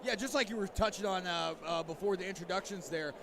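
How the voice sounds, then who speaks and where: A man's voice: sits high, fast, background noise. A man giving analytical color commentary during a live mixed martial arts fight. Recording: loud crowd at live venue.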